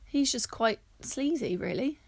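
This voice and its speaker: A woman's voice: on the high side, lively intonation, measured pace, vocal fry, no room sound. A woman co-hosting a casual film review chat, talking through her notes with frequent laughter. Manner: chatty, reads out her notes, often laughs. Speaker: podcast co-host.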